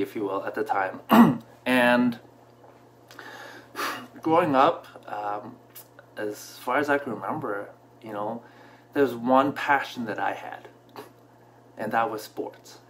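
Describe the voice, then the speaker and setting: A man in his thirties who grew up in Canada, telling a personal story to camera from a small room at home, relaxed and reflective, with many fillers. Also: medium pitch, measured pace, long pauses, a little hiss or hum. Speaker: vlogger. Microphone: camera in front at desk distance.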